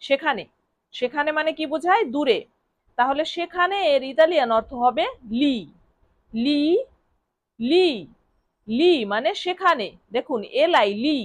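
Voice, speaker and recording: A language teacher with a high-sitting voice gives a vocabulary lesson, repeating each word several times and spelling it out letter by letter. She also poses questions and answers them herself. The recording is dry.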